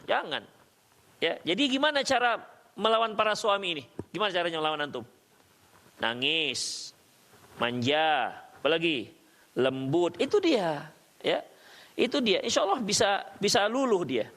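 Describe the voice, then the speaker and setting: This is a man's high-pitched voice, giving a religious lesson in a relaxed, talky way. He keeps checking in with the audience through questions. He weaves recited Arabic verses and sayings into everyday explanation. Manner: conversational, quizzes the audience with questions. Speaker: Islamic preacher teaching a study circle. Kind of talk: religious study lecture.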